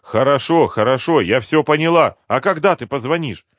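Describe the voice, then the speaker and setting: A man reading an audiobook, voicing a worried, gentle old grandmother who asks anxious questions. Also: medium pitch, expressive, moderate pace, no echo, clean studio sound, pitched above the performer's own voice, natural voice. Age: older. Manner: fretful, questioning. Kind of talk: audiobook character voice.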